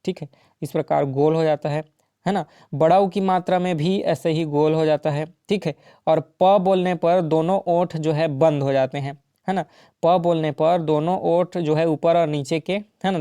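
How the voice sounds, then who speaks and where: In studio-quality, dry audio, a man with a fairly high, warm and clean voice teaches exam preparation. He breaks every question down step by step, often pausing to ask "ठीक है" or "है ना" to make sure the listener follows.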